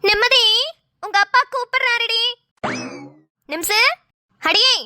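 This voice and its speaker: Woman doing a high, sharp-tongued mother. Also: takes it slowly, no echo, studio quality, full character voice. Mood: calling. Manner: sarcastic, teasing. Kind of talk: Tamil cartoon voice acting.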